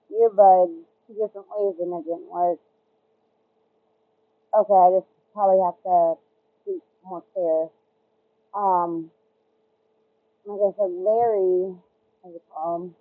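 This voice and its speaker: Woman chatting commentary on a stream, kinda slow, sounds underwater thru a cheap earbud, muffled. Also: fairly low pitch, fairly even intonation, no echo. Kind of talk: casual commentary on another streamer. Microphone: Bluetooth earbud. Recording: muffled phone-like Bluetooth earbud audio.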